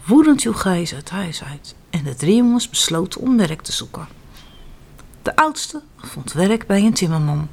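A woman telling children's stories aloud in an animated, expressive way. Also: lowish voice, normal speed, creaky, breathy edge. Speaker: storyteller.

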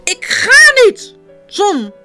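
A stubborn, eager little boy from a storybook, put on by a woman reader. His voice is high and bright and jumps around as he insists on his way. Soft music sits faintly behind. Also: sing-song, unhurried.

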